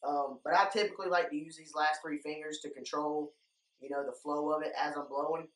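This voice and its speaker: A young duck calling instructor hosts a casual how-to video, talking plainly and calling his viewers "guys." His voice is fairly high and fairly bright, with a steady tone and a fairly quick pace. Decoys line the indoor room, and a distant microphone leaves the sound echoey.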